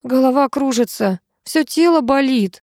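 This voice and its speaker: A bedridden man whines and pleads to be left alone, read out by a woman. Her mellow voice sounds close and dry, like an audiobook. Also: a little high, animated, brisk, no echo. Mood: whining. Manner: whining, pleading. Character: whining bedridden man, evasive and complaining.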